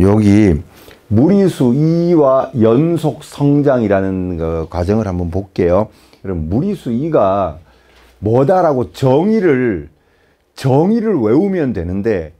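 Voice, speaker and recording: A man's voice: mid-range voice, dark tone. A man teaching a math lesson in a casual, chatty way, often checking with the class. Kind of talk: lecture.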